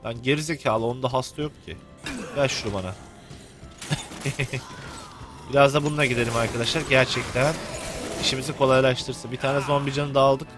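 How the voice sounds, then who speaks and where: A man's voice: mid-range voice, fairly even intonation, fairly quick, long pauses, over music. A young man commenting on a video game while he plays, joking and cursing at the characters. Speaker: gameplay commentator. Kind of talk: let's play commentary.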